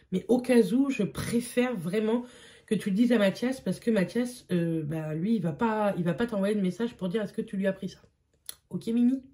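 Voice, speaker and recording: A young woman talks through her vlog in a loose, chatty way. She fills pauses with hesitations and repeats words as she goes. Her voice is mellow and relaxed, sitting at a middle pitch. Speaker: beauty vlogger. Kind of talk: casual vlog chat.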